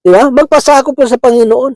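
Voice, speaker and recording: A man's voice: very high voice, fairly quick, a little mellow, no room sound, low-quality recording. A man preaching a conversational sermon, chuckling often and checking in with his listeners, slipping English words into his talk. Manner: chatty, keeps asking "di ba?", chuckles often.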